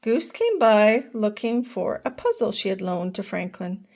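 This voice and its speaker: An older woman reading a picture book aloud to children, gently asking them questions along the way. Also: mid-range voice, big pitch swings, unhurried, gravelly. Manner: gentle, asks listeners questions. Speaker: storyteller grandmother.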